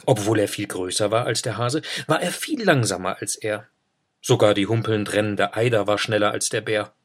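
A man reading a children's story aloud, expressive, with dramatic pauses and playful stammered repeats. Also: lowish voice.

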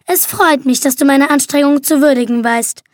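A woman's voice: brisk, no room sound, studio quality, natural voice. Justine, a woman voicing an icy vengeful young woman. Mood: mocking. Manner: icy, mocking, shrill when enraged. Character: vengeful cold young woman, scornful and proud. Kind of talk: audiobook reading.

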